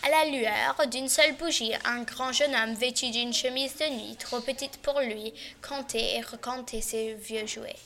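A woman reading a children's Christmas story aloud, expressively and with varied loudness. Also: a little high, steady tone, a little slow, few pauses, a little hiss or hum.

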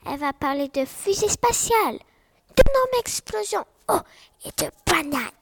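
A woman voicing an excitable young male rabbit in a storybook read-aloud, exclaiming with childlike eagerness. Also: very high voice, normal speed, pitched above the performer's own voice, full character voice. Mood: eager.

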